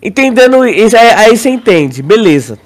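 Speaking with a Brazilian accent, this podcast co-host explains things haltingly in a relaxed discussion, repeating words and often seeking his listener's agreement. His voice is high and very animated.

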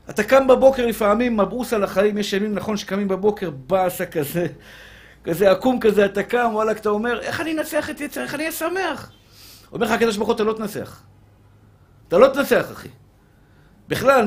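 Brief: man preaching a fervent sermon, voice pitched very high, calls his listeners brother. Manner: impassioned, addresses listeners as brother and pure soul.

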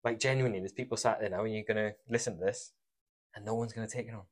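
A man's voice: on the low side, fairly even intonation, racing. A man, co-hosting a casual chat and musing about life in a rambling, sweary way. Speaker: podcast co-host.

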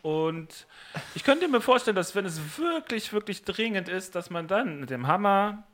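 A man's voice: high voice, very animated, fairly bright tone, slight background noise. A man playing an eccentric male cleaner who rambles and halts in improvised role-play. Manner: rambling, halting, talks about his odd collection.

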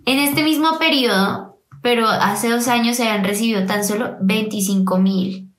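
A woman's voice: on the high side, moderate pace. Woman host reading figures. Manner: reads statistics, reacts with exclamations. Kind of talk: podcast hosting. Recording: echoey room.

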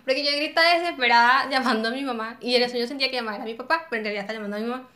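A woman with a high, bright voice chats at a quick clip and tells lively stories, often breaking into laughter. Her voice carries a roomy echo, as if she is talking in an open space. It is relaxed, friendly banter between co-hosts. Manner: animated storyteller, laughs often. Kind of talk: casual chat.

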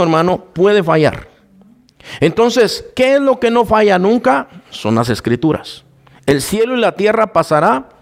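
A man delivers a sermon in with a slightly high-pitched voice. He teaches from scripture, often asking the congregation questions and addressing them as brother. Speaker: pastor.

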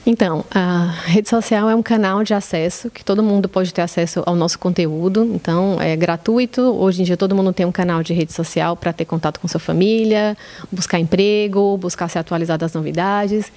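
A woman's voice: fairly low pitch, fairly quick, mellow. A woman in her late thirties with a Brazilian accent, answering conversationally as a podcast guest. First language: Portuguese. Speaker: podcast guest, social media coordinator.

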